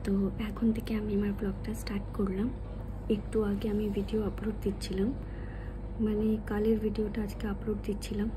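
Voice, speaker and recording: A woman talking casually into a phone camera at home for her vlog, at times speaking softly so a sleeping child stays asleep. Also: medium pitch, little pitch movement, a little fast, noisy background. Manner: soft hushed talk so a sleeping child won't wake. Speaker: vlogger. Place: home room.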